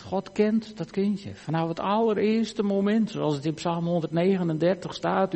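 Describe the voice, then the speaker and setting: A man preaching a sermon in a church, earnest, moving between emphatic lines and hushed, quiet ones. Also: sits high, vocal fry. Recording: church hall reverb.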